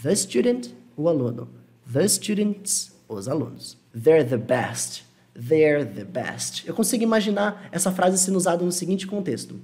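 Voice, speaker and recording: A man with a Brazilian Portuguese accent teaching an English lesson, explaining patiently and slowing down to model English phrases. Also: on the high side, sing-song, a little mellow. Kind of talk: online language lesson.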